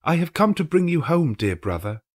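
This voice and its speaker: A man's voice: fairly high pitch, sing-song, normal speed, voice pushed up. A man voicing an eager little girl, bubbling with joy. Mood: gleeful.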